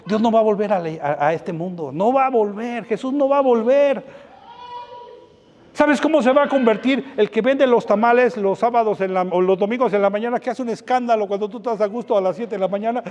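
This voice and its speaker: A high-pitched man preaches in a church, switching between voices as he acts out his own stories. Long reverb from the hall trails each phrase. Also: brisk, muffled recording. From Mexico. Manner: animated storytelling, acting out dialogues. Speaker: pastor. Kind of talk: sermon.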